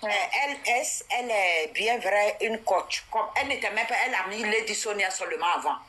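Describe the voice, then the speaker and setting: A woman's voice: medium pitch, lively intonation, brisk, bright, forceful tone. A woman in a casual group chat, talking hesitantly with many fillers. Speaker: live chat participant.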